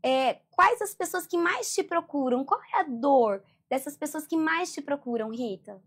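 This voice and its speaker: High-voiced Brazilian woman host. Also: expressive, moderate pace. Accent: Brazilian Portuguese. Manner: moved, gently reflective, then asks questions. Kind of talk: interview hosting.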